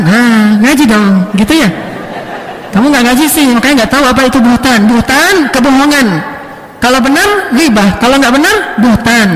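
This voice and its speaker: A man preaching an Islamic sermon in a lively, teasing way, repeating and listing his points for emphasis. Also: very high voice. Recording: long hall reverb.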